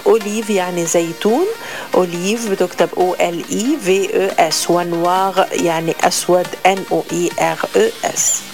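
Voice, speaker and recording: Low-voiced Egyptian woman teaching French. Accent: Egyptian Arabic. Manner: repeats French phrases slowly and spells them out letter by letter. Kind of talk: radio language lesson.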